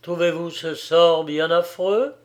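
A man reading an audiobook, voicing a furious young man who lashes out in loud, raging outbursts. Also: a little high, steady tone, takes it slowly. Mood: questioning.

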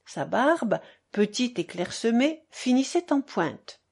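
A woman narrating a classic novel as an audiobook, in a measured, expressive reading. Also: fairly high pitch, husky.

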